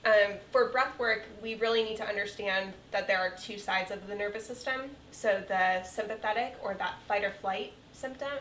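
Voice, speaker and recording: A woman chiropractor, a podcast guest, calmly explaining things in a clear way. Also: medium pitch, moderate pace, hardly any pauses, far from the mic. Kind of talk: explaining in an interview. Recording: roomy sound from off-mic with faint room hiss.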